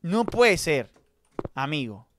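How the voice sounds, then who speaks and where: Male streamer, live game commentary, high pitch, very animated, addresses chat. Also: takes it slowly, slight background noise. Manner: excitable, talks to chat, swings from mumbling to loud outbursts. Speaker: gaming streamer. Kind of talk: live let's-play commentary.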